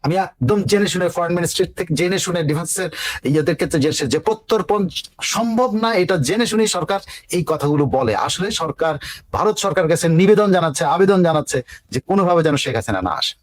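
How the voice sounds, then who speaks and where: Fast-talking insistent male political commentator. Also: high voice, dry recording. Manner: insistent, repeats key words for emphasis; mixes English words into speech. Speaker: political talk show commentator.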